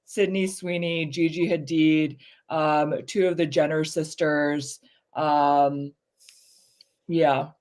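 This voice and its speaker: A woman co-hosting a casual chat show, speaking candidly and with strong opinions, full of fillers, her pitch rising when she stresses a point. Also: flat delivery, takes it slowly, a little mellow. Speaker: podcast co-host.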